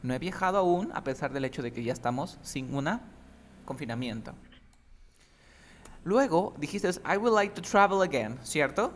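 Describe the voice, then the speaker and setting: A male English teacher giving one-on-one feedback on a student's speaking. His voice sits slightly high for a man. He is patient and methodical, often pausing to check understanding. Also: expressive, a little hiss or hum.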